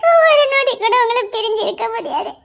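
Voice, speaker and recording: A woman's voice: very high voice, animated, a little fast, creaky, a bit bright, exaggerated voice. A woman voicing a tearful young wife who blames herself and weeps as she pleads with her husband in a Tamil romance audio drama. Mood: tearful, pleading. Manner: sobbing and laughing through tears. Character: young wife, tearful, jealous and self-blaming.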